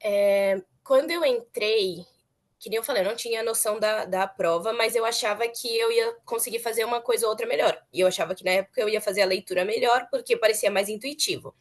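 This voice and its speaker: A woman's voice: on the high side, fast. A young woman chatting earnestly as an interviewee, repeating words for emphasis. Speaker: former student interviewee. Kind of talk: casual interview chat.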